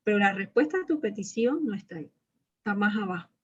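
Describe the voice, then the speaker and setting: A woman's voice: medium pitch, expressive, fast, slightly rough, dull audio. A woman leading an interactive Bible lesson on prayer, coaching her students emphatically and repeating key phrases. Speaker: prayer teacher.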